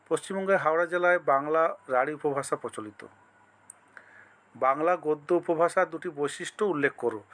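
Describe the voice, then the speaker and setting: A man's voice: fairly high pitch, fairly bright tone. A male teacher running an exam-prep lesson, reading out multiple-choice questions, listing each option and then giving the answer.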